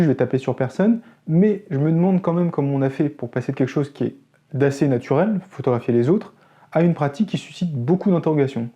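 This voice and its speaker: A man's voice: on the high side, warm tone, dull audio. A man with a French accent hosting a photography channel, explaining a topic in a conversational way with self-deprecating asides. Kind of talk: educational talk to camera.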